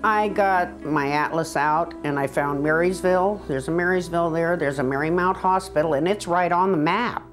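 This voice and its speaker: A woman's voice: lowish voice, normal speed, hardly any pauses, soft background music. A mother in an interview, earnest and emotional as she recounts her search. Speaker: mother of a missing woman.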